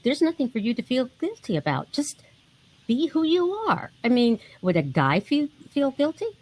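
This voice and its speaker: A woman's voice: sits high, very animated, normal speed, a little mellow, low-quality recording. A woman around fifty speaking bluntly and emphatically as a panelist in a casual online discussion.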